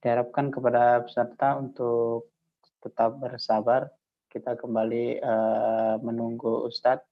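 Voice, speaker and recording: A man's voice: medium pitch, flat delivery, unhurried. Polite guy on a dull lo-fi video call, voice fading in and out, keeps saying sorry. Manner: polite, keeps repeating a respectful address. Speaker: online study session moderator.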